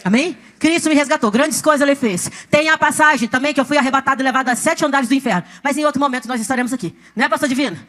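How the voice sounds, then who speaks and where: Woman, high voice, rapid talk, dramatic church testimony, emphatic, acts out quoted voices. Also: fairly bright tone. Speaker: testimony speaker at a church service.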